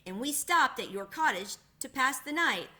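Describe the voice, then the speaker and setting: A woman's voice: high voice, animated, moderate pace, pushed and bright, pitched above the performer's own voice. A woman voicing an earnest, kind young girl in a storybook reading.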